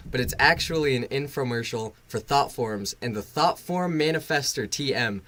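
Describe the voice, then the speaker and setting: A man with a medium-pitched, slightly bright voice hosts a casual live reaction stream. He rambles and swears, criticizing bluntly with a sarcastic, self-deprecating edge as a livestream host and reviewer.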